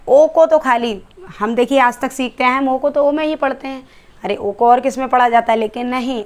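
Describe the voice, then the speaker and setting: Woman with an Indian accent, teacher type, slightly high voice, patient step-by-step explainer who leans on rhetorical questions. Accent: Indian English. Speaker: English teacher. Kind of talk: classroom lesson.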